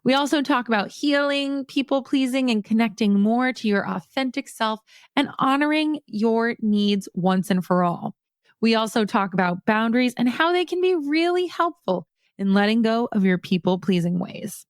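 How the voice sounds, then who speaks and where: A woman's voice: fairly high pitch, lively intonation, normal speed, clean tone, no room sound, studio quality. A woman hosting a podcast, upbeat and encouraging as she introduces a guest and asks questions. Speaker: podcast host. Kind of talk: podcast interview.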